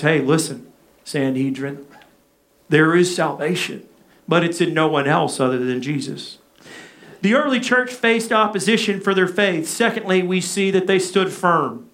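High-pitched man preaching. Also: fairly bright tone. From Arkansas, United States. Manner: emphatic, rhetorical questions and repetition. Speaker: pastor. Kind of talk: sermon.

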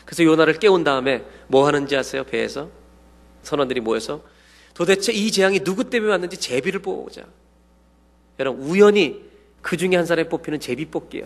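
Animated Korean-speaking pastor in a reverberant hall. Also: male voice, on the high side. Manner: animated preaching, acting out dialogue with sudden loud bursts. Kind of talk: sermon. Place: church sanctuary.

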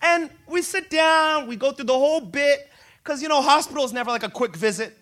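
A man in his thirties, from Brazil, preaches with a very high voice. His tone is bright and forceful. He tells funny personal stories in an animated way. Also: brisk. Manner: animated, humorous storytelling with laughs.

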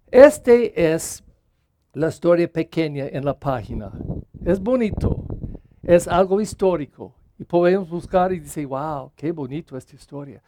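Male parish priest for a Sunday homily: unhurried, mellow tone, earnest, repeats key phrases. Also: high-pitched, no echo, clean studio sound.

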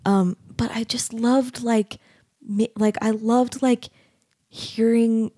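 Soft-spoken woman, dark mellow voice. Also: fairly high pitch, steady tone, slow, dry recording, clean studio sound. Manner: gentle, hesitant, many "like" fillers. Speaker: interviewer. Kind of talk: conversational interview.

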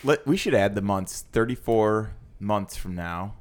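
Male co-host, wry quips, low and animated delivery. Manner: wry quips, quick asides. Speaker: podcast co-host. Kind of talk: casual chat.

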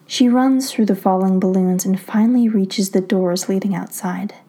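A woman reading a story aloud in a hushed, steady whispered narration. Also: mid-range voice, moderate pace. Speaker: story reader.

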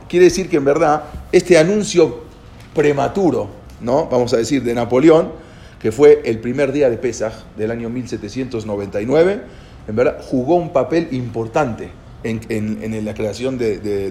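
A man giving an informal history lecture, halting and repeating words as he goes and often checking in with his listeners. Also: mid-range voice, dark tone. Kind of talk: informal spoken lecture with storytelling.

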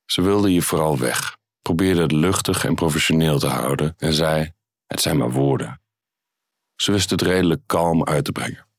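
Guy reading his own detective story, really low voice, dry close mic, calm and steady. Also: moderate pace, dry recording.

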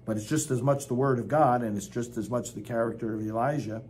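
A man preaching a sermon, reading scripture aloud with loud, impassioned emphasis and breaking off to comment. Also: mid-range voice, fast.

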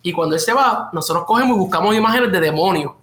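A man telling a story casually, animated and full of swearing. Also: high-pitched, quick pace. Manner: animated, swearing, laughing narration. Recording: echoey room.

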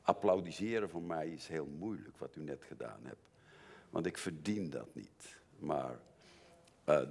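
An older male preacher with a very low voice speaks slowly and deliberately. His pitch swings widely as he moves from soft, earnest asides to emphatic declarations from the pulpit. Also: vocal fry. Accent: Dutch. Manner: earnest, shifts from quiet to emphatic. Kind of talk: sermon.

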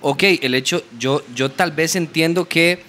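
A man's voice: fairly high pitch, bright, forceful tone. A young man from Costa Rica with a Costa Rican Spanish accent, a podcast guest ranting emphatically in slangy casual chat. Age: young adult. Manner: emphatic, slangy, fast rants.

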